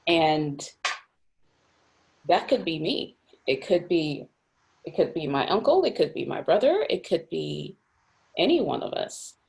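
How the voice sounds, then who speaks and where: Low gravelly woman on a video call. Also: very animated, a little slow, long pauses, darkish tone. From Cameroon. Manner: thoughtful, many fillers and restarts. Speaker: executive director of a housing nonprofit.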